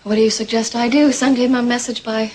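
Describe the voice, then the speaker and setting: A woman's voice: fairly high pitch, steady tone, fairly quick, a little mellow, slight background noise, lightly acted, low-quality recording. Anxious pregnant young woman, as an actress plays her. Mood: anxious, defensive. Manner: hesitant, self-deprecating, stumbling restarts. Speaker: pregnant woman in a soap opera. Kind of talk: 1980s television soap opera acting.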